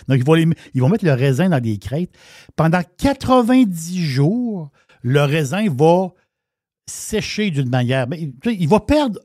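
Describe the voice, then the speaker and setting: A man's voice: fairly high pitch, a little mellow, no echo, clean studio sound. A man with a Québécois French accent giving a wine segment on a radio show, in enthusiastic, rambling casual chat with many restarts. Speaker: wine columnist.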